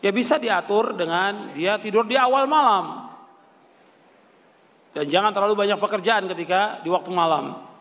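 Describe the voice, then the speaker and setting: A high, slightly bright voice at a moderate pace with long pauses belongs to an older Islamic preacher giving a religious lecture. He answers the rhetorical questions he poses and keeps repeating key phrases, recorded in an echoing hall.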